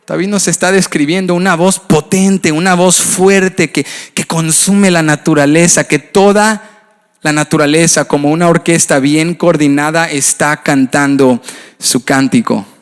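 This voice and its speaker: Pastor, male, high voice, impassioned chanting sermon delivery, big church reverb. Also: steady tone, unhurried, clean tone. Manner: impassioned preaching with a rhythmic, chanting cadence. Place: church sanctuary. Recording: long reverb of a church hall.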